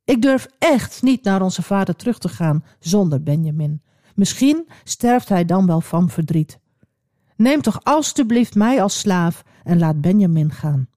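A woman's voice: on the low side, animated, a little slow, warm tone, no echo, studio quality. Woman doing Judah, a humble pleading man. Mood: begging. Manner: earnest, begging.

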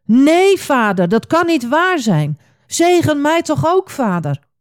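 A woman voicing a hot-tempered young male hunter, pleading and shouting in a storybook reading. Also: mid-range voice, animated, moderate pace, no echo, studio quality, close to an everyday voice. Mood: distraught.

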